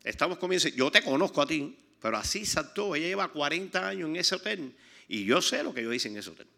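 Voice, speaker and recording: Gravelly older Cuban preacher. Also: male voice, a little high, fairly quick. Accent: Cuban Spanish. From Cuba. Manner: animated storytelling, acts out quoted people. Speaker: preacher giving testimony. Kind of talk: sermon testimony.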